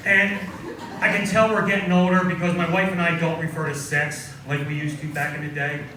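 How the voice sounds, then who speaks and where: A man's voice: a little high, little pitch movement, a little fast, bright, forceful tone. A man in his forties performing a stand-up comedy set on a coffee house stage, self-deprecating punchlines delivered to a live crowd. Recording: very echoey room, far mic, audience noise.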